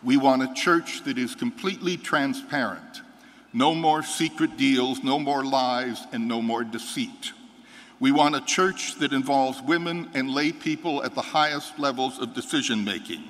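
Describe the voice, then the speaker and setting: An older American priest reading the gospel and then preaching a homily in an earnest, measured way that builds to firm conviction. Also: male voice, medium pitch, fairly bright tone. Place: large church sanctuary, seated before an altar. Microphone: fixed microphone at the altar. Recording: church reverb from the hall.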